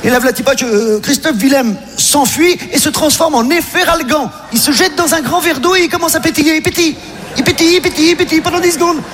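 A man performing as a strange castaway living alone on an island, rambling and hesitant in a low mumble. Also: fast, over music. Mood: dazed, rambling. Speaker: stand-up comedian. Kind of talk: stand-up character monologue. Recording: long hall reverb, clear background noise.

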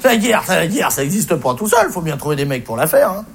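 On stage, a male stand-up comedian delivers a colloquial, sweary, faux-naive rant as a comic monologue, his voice on the high side, sing-song, brisk and creaky. The live recording is noisy, with the audience laughing in the background.

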